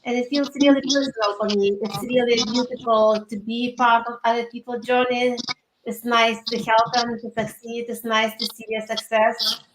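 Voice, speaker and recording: A career coach with a Lithuanian accent is interviewed as a guest, answering earnestly and haltingly. Her voice is fairly high and very even, and the room is echoey with background noise.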